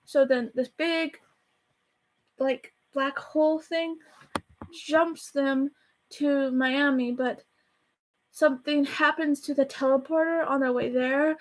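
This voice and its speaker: Facing her camera, a high-voiced woman delivers a casual, rambling movie review, talking quickly with a chatty, self-deprecating, hurried manner. Her tone stays steady, and the recording quality is low.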